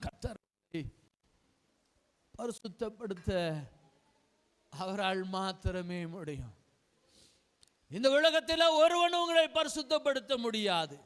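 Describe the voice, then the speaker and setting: Man, pastor, very high-pitched, smooth clear voice, fervent repetitive sermon and prayer. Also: sing-song, measured pace, long pauses, a bit bright. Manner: fervent, repetitive pleading with listeners; calls on God with repeated appeals.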